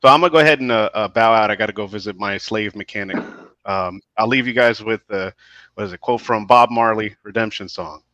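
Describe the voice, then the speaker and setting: Low-voiced American man on a lo-fi call. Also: fairly quick, pushed and bright, no room sound. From United States. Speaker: livestream guest. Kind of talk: casual chat. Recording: dull, dry lo-fi call audio.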